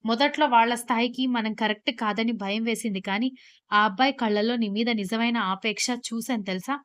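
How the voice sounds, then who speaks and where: A gentle older mother who chats fondly with her daughter, as a woman reads her lines. The voice is a little high and warm in manner, a simple storybook reading. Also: a little fast, lightly acted. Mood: affectionate.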